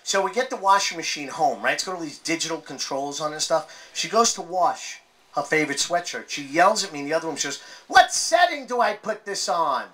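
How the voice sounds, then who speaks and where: A man performing a stand-up comedy set, telling stories with acted-out voices and loud outbursts. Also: a little high, fast, rough recording. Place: live comedy venue with laughing audience. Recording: live audience crowd noise. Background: audience laughter and applause.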